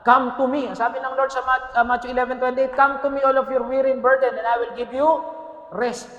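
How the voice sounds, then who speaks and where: A male pastor preaching a lively sermon to his congregation. He jokes, mixes in English phrases and keeps asking "Amen?". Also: very high-pitched, brisk, muffled recording. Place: church hall. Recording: echoey church hall with long reverb.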